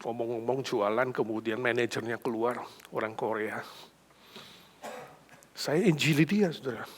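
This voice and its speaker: A middle-aged male pastor preaching a sermon, swinging dramatically between a hushed voice and loud emphasis. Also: mid-range voice, unhurried.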